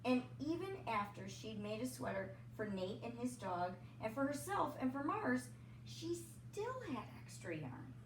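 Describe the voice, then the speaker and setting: A woman with a higher, sing-song voice reads a children's picture book aloud at a slightly slow pace, full of expression and chatty asides, like a storybook reader or teacher. The recording is rough and distant, with reverb and a faint hiss or hum.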